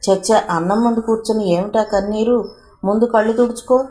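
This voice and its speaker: A warm-hearted elderly aunt consoles and chides with fond affection, as a woman reads her part in a storybook reading. The voice is low-pitched and carries a roomy echo. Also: measured pace, lightly acted. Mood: fond scolding. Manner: affectionate, gently scolding. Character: elderly aunt, kind and comforting.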